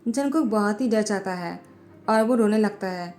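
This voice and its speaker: Mellow-voiced woman narrating a story. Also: mid-range voice, moderate pace. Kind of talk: fan fiction story voiceover. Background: faint background music.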